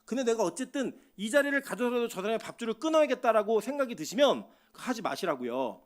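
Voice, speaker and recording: A middle-aged male pastor preaching a sermon from the pulpit of a church, switching between loud exhortation and quiet asides. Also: very high voice, very animated, fast talker.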